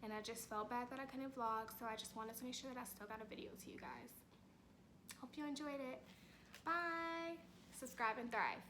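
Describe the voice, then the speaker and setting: A woman's voice: fairly high pitch, animated, moderate pace, background noise. A young woman vlogger chatting casually to camera, rambling with many fillers.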